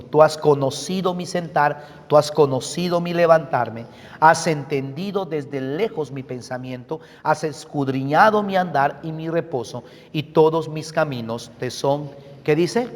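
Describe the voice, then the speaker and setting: Male pastor, emphatic sermon delivery with questions to the flock; voice sits somewhat high; church-hall reverb. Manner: emphatic, checks in with the congregation with questions.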